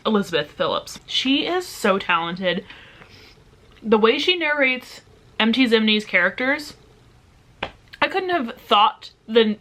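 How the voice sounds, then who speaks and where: A woman's voice: mid-range voice, sharp tone. A woman in her twenties chatting casually in a home book vlog, rambling and self-deprecating. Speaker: book vlogger. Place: home room indoors.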